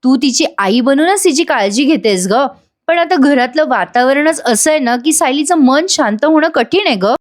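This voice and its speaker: A woman's voice: high voice, lively intonation, normal speed, pitched above the performer's own voice. A woman doing a coaxing middle-aged aunt. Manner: coaxing, pleading. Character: caring middle-aged aunt, gently persuasive.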